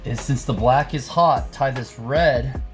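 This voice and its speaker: A man's voice: medium pitch, measured pace, soft background music. A man hosting a casual DIY tutorial, chatty and jokey as he explains each step. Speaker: host mechanic.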